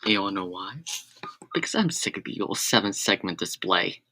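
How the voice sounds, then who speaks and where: A man's voice: low-pitched, very animated, normal speed, pushed and bright, a little hiss or hum. A man rambling on a casual live stream, correcting himself and adding sarcastic asides.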